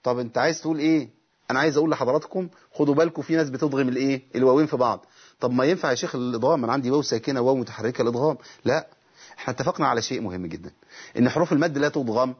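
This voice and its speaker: In a rapid-fire, husky voice at medium pitch, a middle-aged Egyptian man leads a televised lesson on Quran recitation. He raises questions, answers them himself, and breaks off to recite verses, and the audio sounds dull.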